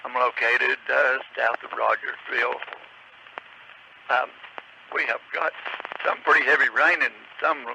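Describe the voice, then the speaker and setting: A man calling in a storm report over ham radio. He talks in a halting, chatty way with many fillers, and his signal keeps breaking up. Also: medium pitch, steady tone, vocal fry, pushed and bright. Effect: breaking-up glitchy radio signal. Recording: crackly distant radio signal with hiss.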